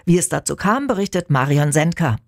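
A woman reading a radio news bulletin in a calm, measured, formal way from a studio. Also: low voice, no room sound. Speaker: newsreader. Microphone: studio microphone.

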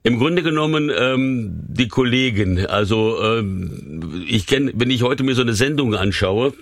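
A man's voice: mid-range voice, animated, a little slow, no echo, clean studio sound. An older man who grew up speaking Hungarian and Portuguese, with a Hessian accent, recalling his career as a sports journalist in a radio interview, thoughtful and hesitant with many fillers.

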